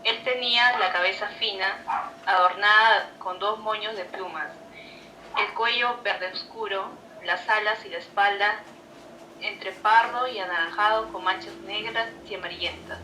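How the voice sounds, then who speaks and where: A woman's voice: mid-range voice, measured pace, bright, forceful tone. A young woman student carefully reading a text aloud in class. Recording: echoey room, distant mic, faint noise.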